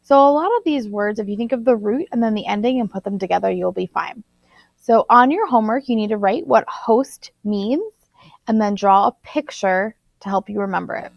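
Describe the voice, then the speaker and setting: A woman teacher recording a vocabulary lesson, slowly enunciating and spelling out words. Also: medium pitch, vocal fry, no room sound. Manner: slow, deliberate word-by-word spelling and enunciation. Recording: dull lo-fi recording.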